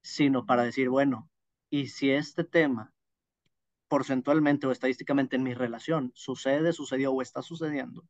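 A man's voice: medium pitch, fairly even intonation, moderate pace, dry recording, muffled recording. A man with a northern Mexican accent from Monterrey, talking as a podcast guest in an emphatic, explanatory way. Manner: naturally loud, emphatic way of talking. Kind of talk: conversational podcast interview.

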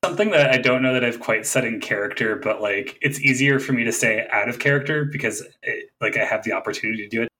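A man's voice: medium pitch, fast, few pauses, sharp tone. A man in casual podcast chat about a tabletop game, explaining his character's story at length.

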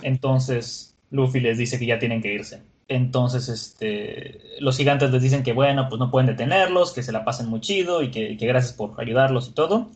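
A man hosts a podcast and walks through an episode in loose, conversational speech. He laughs often and fills his pauses with small hesitation words. His voice sits at an ordinary middle pitch for a man. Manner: chatty, laughs often, frequent filler words. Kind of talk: casual episode recap.

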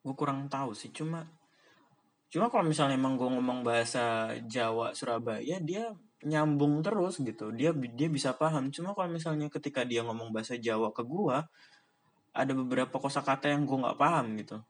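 A man's voice: medium pitch, brisk. A young man from Indonesia talking casually on his own, rambling in slang with frequent laughs. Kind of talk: casual monologue.

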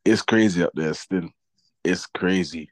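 A man's voice: deep voice, a little slow, no room sound. A young man with a London roadman accent chatting casually about football in slangy, sweary banter. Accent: London, urban roadman slang. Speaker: football podcast co-host.

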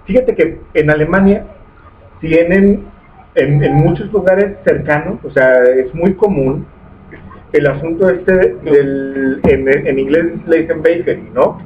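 A man with a Guadalajara Mexican accent chatting casually on a live radio stream, animated and swearing freely. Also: on the high side, slow. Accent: Mexican Spanish from Guadalajara. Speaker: radio show co-host. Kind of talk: casual chat. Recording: dull lo-fi live stream audio with faint noise.

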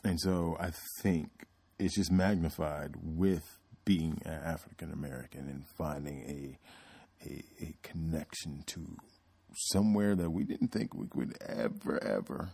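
A man hosting his podcast in a casual, reflective monologue, pausing often with ums and restarting sentences. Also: extremely low pitch, creaky, mellow, breathy edge, dry recording. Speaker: podcast host.

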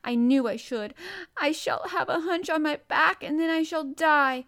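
A woman's voice: high-pitched, measured pace, fairly bright tone, dry recording, studio quality, voice pushed up. A woman voicing a hysterical, sickly young boy in a storybook, terrified, gasping and choked with sobs.

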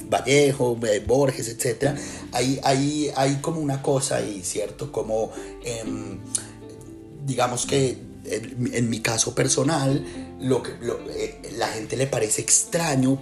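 A man from Colombia with a Colombian accent, a writer and lecturer musing in a casual, thoughtful way with many pauses and restarts. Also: medium pitch. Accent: Colombian Spanish. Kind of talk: casual reflective talk. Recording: music clearly behind.

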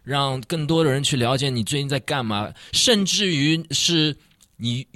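A man's voice: medium pitch, lively intonation, measured pace, fairly bright tone, dry recording, clean studio sound. A man talking casually in Mandarin with a slight Beijing tinge, often repeating phrases as he searches for his words. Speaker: musician. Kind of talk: casual conversation.

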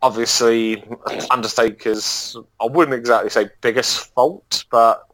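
A man co-hosting a podcast, chatting casually in a rambling, halting way. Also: medium pitch, steady tone, a bit bright, no echo, poor audio. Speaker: podcast co-host. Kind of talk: casual review chat.

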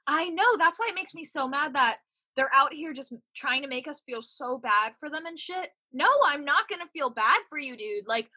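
A woman's voice: high voice, lively intonation, normal speed, sharp tone. A young woman co-hosting a podcast, ranting in casual, profane chat. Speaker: podcast co-host.

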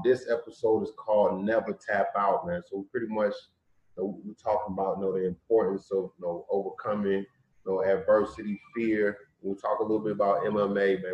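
A man hosting a podcast, talking in a relaxed way full of slang and ending his lines with "man.". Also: fairly low pitch. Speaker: podcast host. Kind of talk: casual interview talk. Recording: dull, roomy sound.

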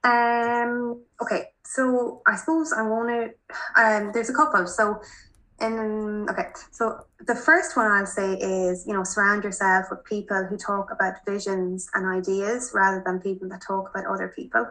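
Casting: woman, west of Ireland accent, bright forward voice, chatty and emphatic, casual podcast guest telling stories. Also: mid-range voice, fairly even intonation, moderate pace, low-quality recording. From Mayo, west of Ireland. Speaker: podcast guest, primary school teacher. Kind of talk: casual interview, anecdotal.

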